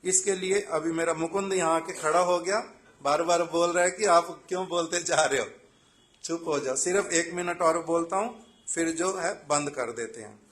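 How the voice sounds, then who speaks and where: A man giving a devotional sermon at a temple festival. He recites verses and explains each one in plain talk, telling the story in a measured way. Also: a little high, fairly bright tone.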